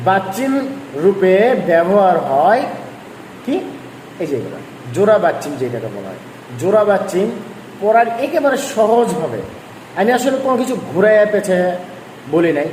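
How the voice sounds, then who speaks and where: A man's voice: high voice, darkish tone. A male language teacher explaining a lesson patiently, repeating points and urging his students to practice. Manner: repetitive, coaxing explainer. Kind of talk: online lesson. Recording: echoey room, faint noise.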